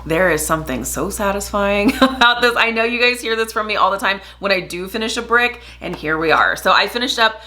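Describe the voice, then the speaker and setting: Woman, casual vlogger, enthusiastic, laughs a lot, bright tense tone. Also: medium pitch, expressive, fairly quick, few pauses. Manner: enthusiastic, laughs often, gushing. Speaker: home fragrance vlogger. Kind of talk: casual chatty review.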